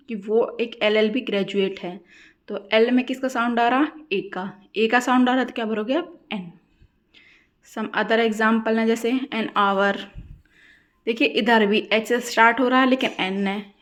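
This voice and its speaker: Woman teacher quizzing and answering herself. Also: on the high side. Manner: asks questions and answers them herself, repeats key words slowly. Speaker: English teacher for exam preparation. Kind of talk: classroom-style lesson explaining grammar.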